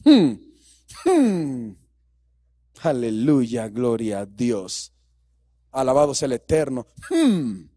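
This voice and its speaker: A man acting out a pompous, falsely pious male churchgoer, murmuring praises in a low, hummed, self-satisfied voice. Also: sing-song, takes it slowly, pauses often, mellow, no echo. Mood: smug piety.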